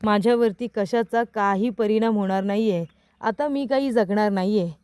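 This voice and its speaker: A woman's voice: mid-range voice, moderate pace, darkish tone, clean tone, no room sound, lightly acted. A woman voicing a young husband who teases his wife and then patiently explains, asking rhetorical questions. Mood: pleading. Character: young man, teacher, teasing then earnest.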